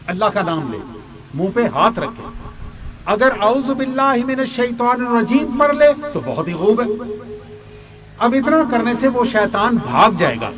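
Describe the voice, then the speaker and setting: A man preaching a sermon, teaching by asking his listeners questions and answering them himself. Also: sits high. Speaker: religious preacher. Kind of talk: sermon to a gathering.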